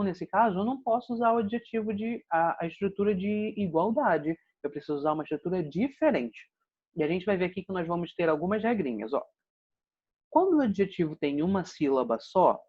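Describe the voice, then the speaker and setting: Patient Brazilian teacher, dull recording. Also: male voice, high voice, lively intonation, brisk, slightly rough. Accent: Brazilian Portuguese. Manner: patient, explanatory, frequent "né?" check-ins. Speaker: English teacher. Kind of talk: online lesson explaining grammar. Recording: dull lo-fi sound.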